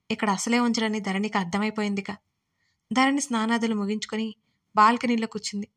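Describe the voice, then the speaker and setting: A woman reading a romance story aloud in a steady, soft-spoken narration. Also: on the high side.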